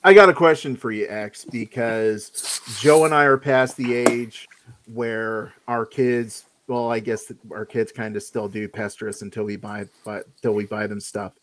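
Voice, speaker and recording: A man co-hosting a casual podcast chat, animated and exclamatory, calling people "dude.". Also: fairly low pitch, measured pace, a little hiss or hum. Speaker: podcast co-host.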